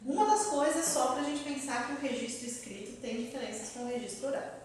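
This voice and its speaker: A woman professor lectures in a big hall, her fairly high voice carrying from a distance. She keeps quizzing her audience and laughs easily as she explains. The recording is heavily echoey, with a faint hum of room noise underneath. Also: a little fast. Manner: lively, asks the audience questions, laughs often. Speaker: university professor giving a talk. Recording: loud echoey hall, far from mic.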